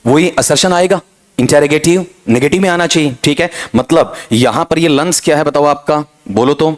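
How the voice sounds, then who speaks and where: Man quizzing a grammar class. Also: on the high side. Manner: quizzing students with repeated rhetorical questions; reads example sentences slowly and deliberately. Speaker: English grammar teacher. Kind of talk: exam-prep lecture.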